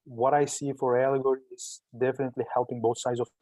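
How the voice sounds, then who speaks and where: A man with a Turkish accent answers interview questions in an explanatory way, often repeating and rewording. His tone is dark and relaxed at a middle pitch. The sound is very dry. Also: fast, dry recording, poor audio. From Turkey. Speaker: startup entrepreneur being interviewed.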